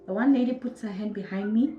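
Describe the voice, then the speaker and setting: A woman's voice: medium pitch, fast, reverberant, highs cut off, soft background music. A young woman with a Namibian accent, telling a personal story casually to her viewers and acting out moments. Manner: animated, acts out moments with quoted voices and sound effects. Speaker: vlogger.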